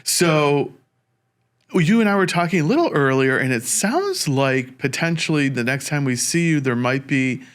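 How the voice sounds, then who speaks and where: A man's voice: fairly high pitch, very animated, moderate pace, fairly bright tone, clear, resonant tone. A man hosting a podcast, asking questions in an upbeat, encouraging way. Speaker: podcast host. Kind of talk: casual interview chat.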